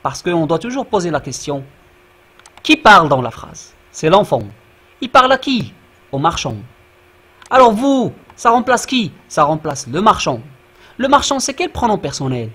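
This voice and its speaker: A man teaching a grammar lesson in class, speaking slowly, repeating himself and checking with the students. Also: sits high, big pitch swings, bright, forceful tone, slightly rough. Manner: slow, repeats and checks with "d'accord?".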